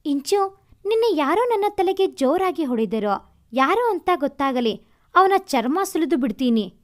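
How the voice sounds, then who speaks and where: A woman's voice: high-pitched, sing-song, measured pace. A woman voicing an earnest young man in love who blusters when he is angry. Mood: blustering.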